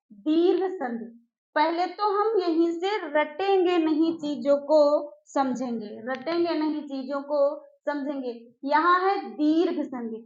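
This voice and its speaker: Woman teacher drilling grammar terms, high bright voice, asks the class stuff and answers herself. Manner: slow, repeats key phrases and asks the class questions. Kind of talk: exam-prep grammar lesson. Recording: echoey room, dull lo-fi sound.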